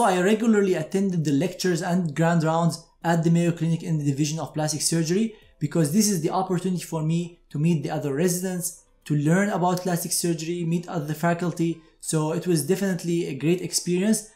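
A man in his thirties, a doctor presenting advice to medical graduates, gives a structured, explanatory talk to camera while seated in an indoor room with shelves. His voice is a little high with a dark tone and sounds reverberant, with music playing in the background.

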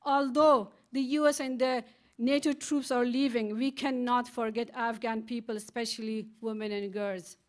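A woman's voice: on the high side, steady tone, normal speed. A middle-aged woman reading an earnest prepared speech at a podium microphone in a large conference hall. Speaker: conference speaker.

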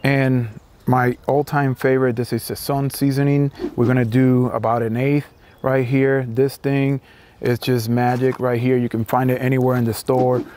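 A man's voice: mid-range voice, level tone, normal speed, darkish tone, slight background noise. A man in his forties from Puerto Rico with a Puerto Rican accent, explaining a recipe step by step in an easygoing way, with lots of fillers, outdoors on a patio with a lapel mic. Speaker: cooking demonstrator. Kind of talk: casual cooking demonstration. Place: outdoor patio beside a house.

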